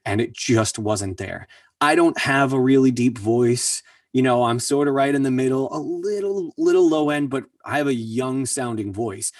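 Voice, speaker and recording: A voice actor, appearing as a guest in a casual interview, earnestly tells his story and repeats words for emphasis. His mid-range voice is picked up by a distant mic, sounding dry with no room sound.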